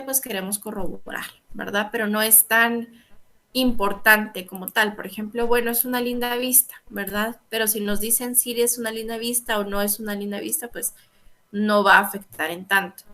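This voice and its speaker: Teaching English grammar in an online lecture, a woman from Guatemala speaks in a mid-range voice with a sharp tone. Her explanations are patient, punctuated by repeated "¿verdad?" check-ins.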